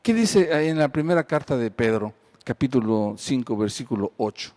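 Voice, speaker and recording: A male pastor preaching a sermon at a live-streamed church service, reading scripture aloud with rising force and then asking the congregation questions in a quieter voice. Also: medium pitch, animated, normal speed.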